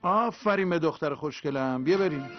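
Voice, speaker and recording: An actor playing a father, emotional and expressive, in a dubbed TV drama. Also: fairly high pitch, close to an everyday voice. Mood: coaxing. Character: anxious father, coaxing then frantic. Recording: dull lo-fi TV audio with music.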